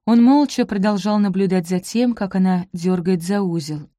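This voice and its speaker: A woman narrating a romance novel in a measured, expressive reading voice. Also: medium pitch, no echo, clean studio sound. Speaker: audiobook narrator.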